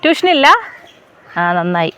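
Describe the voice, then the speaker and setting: A woman's voice: on the low side, big pitch swings, measured pace, fairly bright tone, slight background noise. A young woman and mother chatting casually in a family vlog, coaxing and teasing small children.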